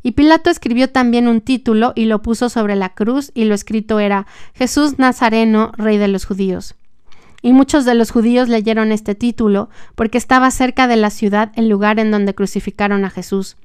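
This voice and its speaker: Woman with a very clear voice reading scripture. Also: fairly high pitch, steady tone, darkish tone, dry recording, studio quality. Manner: measured, earnest reading with emphatic asides. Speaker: podcast host.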